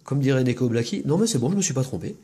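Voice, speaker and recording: Brief: husky male host, casual card-opening commentary, chatty with quick asides. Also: mid-range voice, animated, dark tone.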